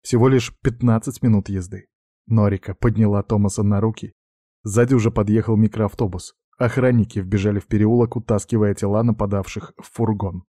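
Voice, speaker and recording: A man narrating a novel in a low, dark, mellow voice. His reading is steady and measured, recorded close and dry with no room around it. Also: dry recording. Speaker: audiobook narrator. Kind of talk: scripted narration.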